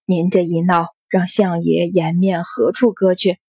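A woman's voice: mid-range voice, moderate pace, warm tone, slightly rough, no echo. A woman voicing an older household servant who coaxes and pleads to keep the peace. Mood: coaxing. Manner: coaxing and pleading.

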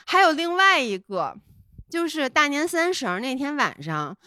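Lively, candid woman telling a story. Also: high voice, normal speed, dry recording, studio quality. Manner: candid, rambling and heartfelt. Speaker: podcast co-host. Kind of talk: casual podcast storytelling.

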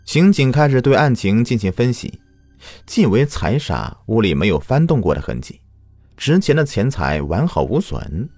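A man's voice: mid-range voice, very animated, moderate pace, darkish tone, no room sound, soft background music. A man narrating true crime from a script as a host, in a dramatic storytelling manner. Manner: dramatic storyteller with rhetorical questions.

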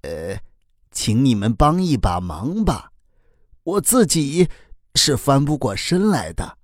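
A man voicing a kindly old male turtle who talks slowly and drowsily in a children's audio story. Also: mid-range voice, big pitch swings, dry recording, studio quality, voice pushed up. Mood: sleepy, gentle. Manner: slow, drowsy and good-humored.

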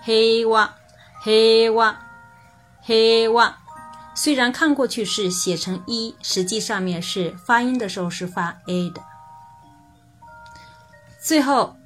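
A woman's voice: medium pitch, lively intonation, soft background music. Patient woman teaching pronunciation. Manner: patient, repeats example words slowly for practice. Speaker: language teacher. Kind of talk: explaining Japanese pitch accent.

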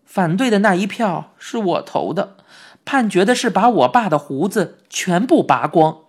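A woman with a Beijing accent narrating a children's story in an expressive, lively way. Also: medium pitch, moderate pace, breathy edge. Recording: faint background music.

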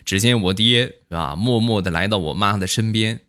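A man's voice: fairly low pitch, moderate pace, a bit bright. A man telling comic anecdotes in a chatty way, full of tag questions. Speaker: stand-up storyteller. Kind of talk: comic monologue of short anecdotes.

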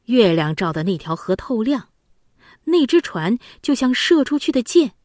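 A woman narrating a classic children's story in an expressive, dramatic way. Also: mid-range voice, dry recording, clean studio sound.

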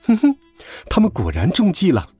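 A man's voice: high-pitched, huge pitch swings, a little fast, slightly rough, no echo, faint music behind, pitched above the performer's own voice, exaggerated voice. A man voicing a cheeky young boy in a raised, teasing voice. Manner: bright, teasing.

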